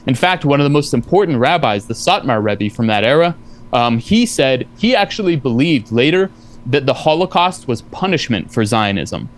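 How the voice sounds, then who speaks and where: A man's voice: mid-range voice, big pitch swings, normal speed. A man in a heated debate, talking insistently in a lecturing way and cutting in with repeated no's. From family from Eastern Europe. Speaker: debate guest.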